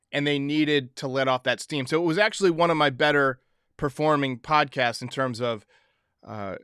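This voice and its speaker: A man with a fairly high, sharp-edged voice delivers casual sports commentary as a podcast host. He is emphatic and opinionated, and the sound is dry. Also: clean tone, dry recording.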